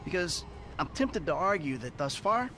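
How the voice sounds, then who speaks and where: A man's voice: on the high side, sing-song, moderate pace. An actor playing a cocky male criminal who answers with dry, sarcastic quips in a video game cutscene. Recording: game audio under loud gameplay noise.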